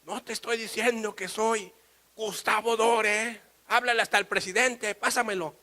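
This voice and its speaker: A man's voice: high voice, normal speed, pitched above the performer's own voice. An indignant, insistent painter with a Mexican accent, voiced by a preacher. He demands entry in a raised, pressing voice. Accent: Mexican Spanish.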